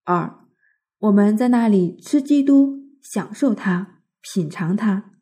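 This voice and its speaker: A woman reading a scripted devotional outline in a measured, recited manner. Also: mid-range voice, animated, warm tone, slightly rough.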